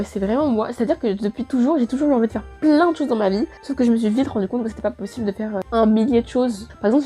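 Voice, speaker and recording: Fast-talking gushing young woman vlogger. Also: on the high side, warm tone. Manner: gushing, rambling, self-interrupting. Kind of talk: casual year-review Q&A vlog.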